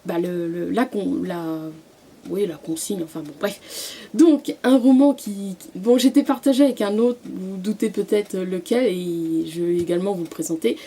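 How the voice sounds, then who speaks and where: A young woman talks through her favourite books in a relaxed vlog. Her voice is mellow and a little husky. She hesitates a lot, restarting sentences and filling pauses as she goes. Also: mid-range voice. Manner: hesitant, many fillers and restarts. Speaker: book vlogger. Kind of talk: casual book review vlog.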